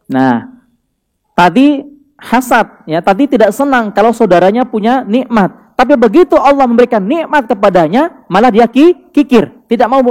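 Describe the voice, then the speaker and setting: High-voiced man preaching a lively sermon. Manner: animated storytelling with Arabic phrases and chuckles. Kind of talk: sermon with storytelling.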